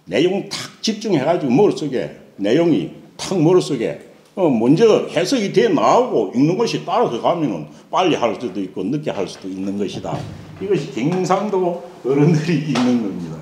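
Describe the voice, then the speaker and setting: Man chanting classical texts, lively pitch. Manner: chants slowly in a sing-song, then explains with many fillers. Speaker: classical Chinese teacher. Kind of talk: chanted reading and lecture. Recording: echoey room, faint ambient hiss.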